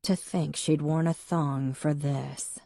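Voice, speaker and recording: A woman reads an audiobook in a low, mellow voice. Her delivery is even and measured, close to the mic in a dry, dead room. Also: gravelly, no room sound. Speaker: audiobook narrator. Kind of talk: scripted narration.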